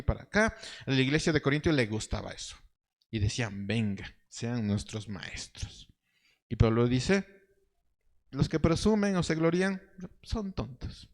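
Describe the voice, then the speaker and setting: Animated ironic preacher, man. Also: mid-range voice, in a large hall. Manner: animated, ironic preaching with rising emphasis and slowed quotes. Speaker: pastor. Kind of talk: sermon.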